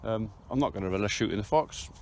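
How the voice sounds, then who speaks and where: A man talks casually and plainly in a handheld phone video outdoors, thinking aloud as he explains what he is doing. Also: fast talker. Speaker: farmer and video host. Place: outdoors on farmland. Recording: noisy outdoor phone video, engine and vehicle rumble.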